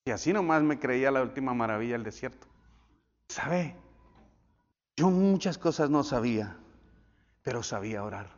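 A male pastor telling stories in a sermon, swinging from loud, high bursts to hushed, near-whispered lines. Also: moderate pace, pauses often. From Colombia. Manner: animated storytelling with sudden drops to near whisper. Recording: dull echoey church hall.

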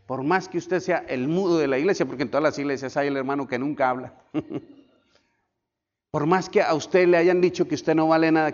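A man preaching a sermon as pastor, swinging between loud shouts and hushed lines. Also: a little high, big-room sound, highs cut off. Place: church.

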